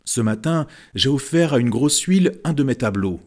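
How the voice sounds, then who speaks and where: A man's voice: medium pitch, lively intonation, normal speed, darkish tone, pitched above the performer's own voice, natural voice. A man doing a brash, boastful rich painter. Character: boastful, arrogant wealthy male painter.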